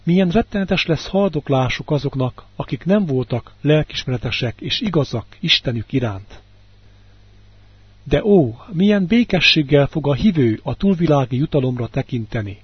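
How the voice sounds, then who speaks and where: A man's voice: fairly high pitch, lively intonation, slightly rough, dry recording. A man reading a sermon in an earnest manner, lifting his voice on key words, heard on a dull radio broadcast. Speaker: preacher.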